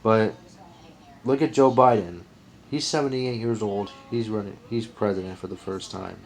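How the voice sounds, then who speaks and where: A young man in his twenties with a somewhat low voice talks on in a loose, earnest monologue to camera. He rambles, trips over his own sentences and starts again. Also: normal speed, rough recording. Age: 20s. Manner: rambling, earnest, restarts and counts aloud. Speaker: vlogger.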